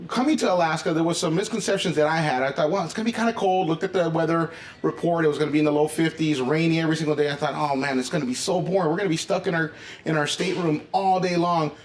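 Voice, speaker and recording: Upbeat guy interviewer, kinda high voice, talks really fast, super enthusiastic. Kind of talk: casual vlog-style interview. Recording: noisy with ambient background sound.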